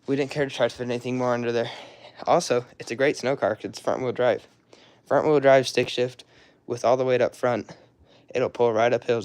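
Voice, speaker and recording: A young man casually showing his cars in a rambling, offhand way, with a scratchy, hoarse voice. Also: mid-range voice. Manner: rambling, loose and offhand, trails off mid-sentence. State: hoarse, throat-clearing, coughing. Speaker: car hobbyist showing his garage. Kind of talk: casual walkaround vlog.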